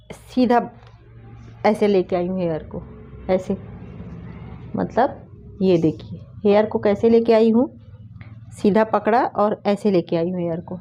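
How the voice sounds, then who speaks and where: A woman's voice: mid-range voice, warm tone, lo-fi sound. A woman giving a casual hands-on hairdressing lesson, chatty and repeating key terms to drive them home. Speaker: hairdressing teacher.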